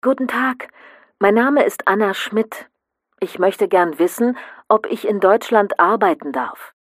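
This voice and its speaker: A woman's voice: medium pitch, unhurried, slightly rough, dry recording, clean studio sound. A woman acting a polite caller who phrases her questions carefully in a scripted language-course phone dialogue. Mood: polite, inquiring. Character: polite woman caller asking about job recognition.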